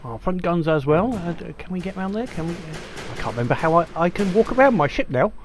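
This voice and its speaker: A man talks through a naval battle game in a loose, rambling way, often pausing with ums and restarting his sentences. His voice sits a little higher than most men's, and a faint hum of noise lies under it. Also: animated. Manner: chatty, hesitant with many ums and restarts. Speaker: gameplay commentator. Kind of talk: casual let's-play commentary.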